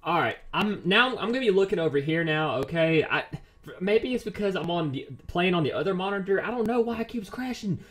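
A man commentating his own game play as a YouTuber, excitable, pleading and quickly exasperated over his luck. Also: sits high. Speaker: gaming YouTuber.

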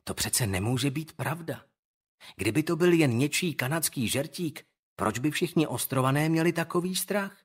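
A man reading an audiobook in calm, measured scripted narration. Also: a little high, slightly rough.

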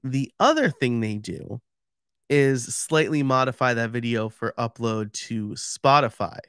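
A man's voice: mid-range voice, animated, measured pace, a bit bright, clear, resonant tone, dry recording, studio quality. A man with a New York accent giving a casual, chatty livestream talk and explaining step by step with many fillers. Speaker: podcast expert giving a live stream talk.

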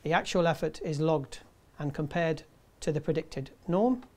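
A man in his fifties presenting a scripted tutorial in a measured, step-by-step way. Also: a little high, animated, darkish tone. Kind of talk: scripted instructional narration.

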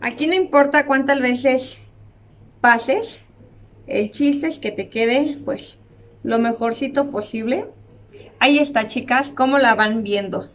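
A young woman talks her viewers through a makeup look. Her voice sits a bit high, chatty and effusive as she admires the colors. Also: slow, a little hiss or hum. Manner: chatty, addresses viewers as girls, gushes over colors. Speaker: beauty vlogger. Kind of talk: makeup tutorial chat.

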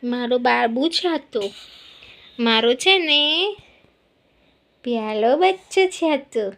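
A young mother from Gujarat, India, vlogs casually at home, talking to her small child and the camera in a playful, teasing, coaxing sing-song way. Her voice is high and a bit bright, with lively intonation and a slow pace.

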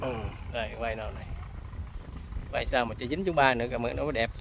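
A man with a gravelly, rough-edged voice and a Southern Vietnamese accent hosts a casual rural vlog. He chats on and on, calling out to his viewers as he films in the open air. A faint wash of outdoor noise sits under his voice. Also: medium pitch, quick pace, fairly bright tone. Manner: chatty, keeps addressing viewers as folks. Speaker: vlogger. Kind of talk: casual on-location vlog chat. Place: rural outdoors near buffalo and water.

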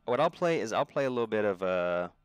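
A man's voice: on the low side, quick pace, clean tone, no room sound. A young man livestreaming, chatting jokily through gameplay commentary and laughing often. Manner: excitable, laughs often, jokey.

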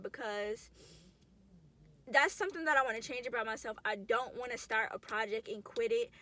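A woman's voice: fairly high pitch, bright, forceful tone, slight background noise. A woman in her mid twenties talking casually to camera in a vlog, chatty, slangy and emotional. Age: 20s. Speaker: vlogger. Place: in a car.

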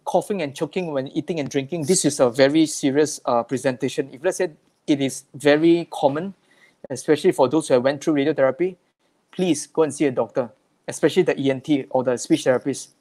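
Slightly high-voiced male speech therapist. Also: fairly quick, a little mellow. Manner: plain explanatory, often repeating words. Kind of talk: slide-based health talk.

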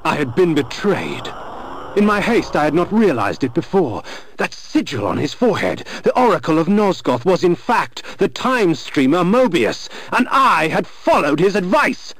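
A man's voice: fairly high pitch, sing-song, normal speed, a bit bright, slightly rough, no echo, full character voice, rough recording. An actor playing a proud, bitter vampire nobleman, narrating a video game in an eloquent, theatrical way. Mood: bitter, brooding.

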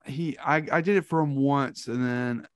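A man in his twenties hosting a podcast, telling stories in casual chat with lots of swearing and animated delivery. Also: mid-range voice, moderate pace. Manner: profane, animated storytelling. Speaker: podcast host.

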